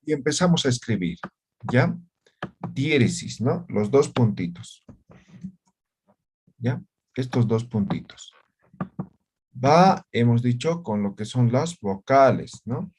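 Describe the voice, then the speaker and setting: A man's voice: medium pitch, expressive, slow, pauses often, a little mellow, a little hiss or hum. A man teaching an online language class over a video call, who checks in often with short questions.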